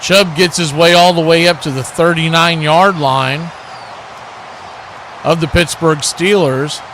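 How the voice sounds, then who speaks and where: Noisy surroundings frame a man whose voice is on the high side, with fairly even intonation and a slightly slow pace. Working as a play-by-play commentator and watch party host, he delivers live American football commentary in radio style, all short punchy phrases and colourful action verbs.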